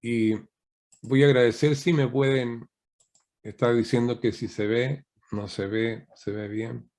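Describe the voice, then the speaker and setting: A man's voice: medium pitch, fairly even intonation, a little slow, a little mellow. A man, a guest pastor, preaching a teaching sermon over a video call, asking rhetorical questions and often ending points with a questioning tag.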